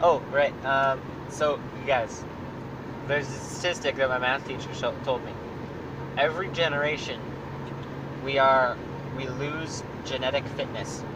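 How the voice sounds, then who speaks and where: Man, mid pitch, far from mic, background noise, casual podcast chat, matter-of-fact, halting. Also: steady tone. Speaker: podcast co-host. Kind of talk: casual chat between brothers.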